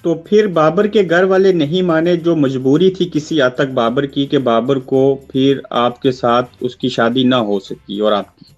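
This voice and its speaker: A man with a Pakistani Urdu accent, asking probing, measured interview questions. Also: mid-range voice, steady tone, no echo, lo-fi sound, faint music behind.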